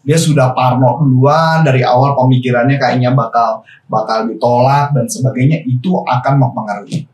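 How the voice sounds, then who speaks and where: A man coaching on business calls in a relaxed, explanatory way, slipping in casual slang and English phrases. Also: mid-range voice, moderate pace. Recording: echoey room from far off.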